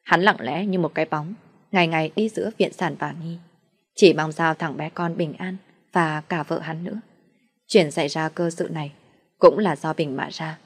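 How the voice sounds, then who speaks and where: Low, breathy woman telling a story. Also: fairly even intonation, normal speed. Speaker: narrator. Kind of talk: first-person story reading.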